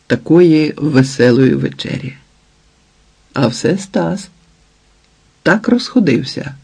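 A man reading an audiobook novel in a steady, even narration. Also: fairly high pitch, creaky, husky. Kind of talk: scripted narration.

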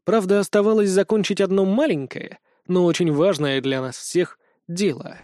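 A man narrating an audiobook in the first person, dry and even-toned. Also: sits high, normal speed, dry recording.

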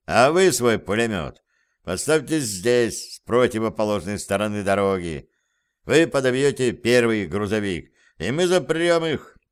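A man voicing a brisk male guerrilla leader who gives curt orders, read as audiobook dialogue. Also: on the low side, animated, clear, resonant tone. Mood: commanding.

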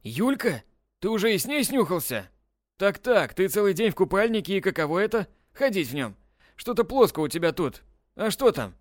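A man's voice: high voice, very animated, moderate pace, no echo, pitched above the performer's own voice. Brief: narrator playing a cocky teen boy, brash and mocking, slightly raised voice, dry close read. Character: teenage boy, cocky teasing brother. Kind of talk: audiobook character voice.

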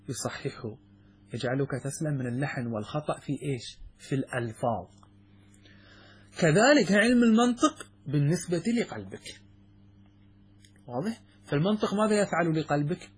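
Middle-aged male sheikh, husky tone, lecturing on a classical text, asks and answers his own questions. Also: fairly high pitch. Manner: asks the students questions and answers them himself, repeats key words. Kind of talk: classroom lesson explaining verses.

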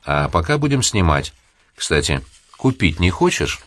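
A man's voice: deep voice, sing-song, measured pace, a bit bright, no echo, clean studio sound, exaggerated voice. A man voicing a proud, defiant young woman who talks coldly. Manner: cold, defiant.

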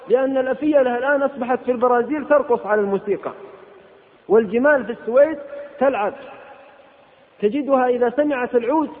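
A man preaching an impassioned sermon, scolding and rising to sharp outbursts. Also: extremely high pitch. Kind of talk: fiery sermon. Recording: tinny old cassette in a hall.

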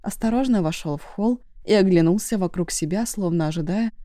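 A woman narrating a first-person audiobook in a steady, even manner. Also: on the low side, a little fast, no room sound, clean studio sound.

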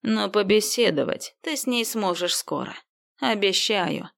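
A woman's voice: mid-range voice, lively intonation, creaky. A woman voicing a smug, wealthy man who speaks in a condescending, smirking way. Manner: condescending, slow smirking delivery.

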